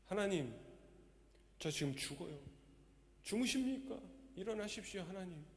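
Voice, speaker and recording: A man's voice: sits high, expressive, normal speed, pitched above the performer's own voice. A man voicing a terrified young child crying out to his father for help, in desperate pleading. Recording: long church reverb.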